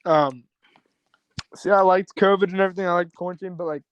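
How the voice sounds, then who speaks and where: A man's voice: sits high, steady tone, a little fast, clear, resonant tone, lo-fi sound. A teenage guy as a podcast guest on a video call, talking in an easygoing, hesitant way full of "like". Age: teens. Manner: easygoing, hesitant, heavy use of "like". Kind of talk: casual chat.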